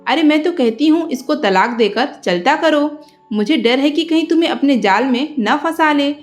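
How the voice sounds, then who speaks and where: A woman's voice: sits high, animated, moderate pace, soft background music. A woman voicing a harsh, scornful older mother-in-law with a scolding manner in a narrated story.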